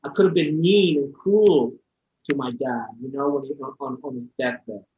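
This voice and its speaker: A man's voice: medium pitch, moderate pace, a little mellow, highs cut off. A man telling a personal story as a podcast guest, heartfelt and open, often repeating and restarting his words. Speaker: interview guest.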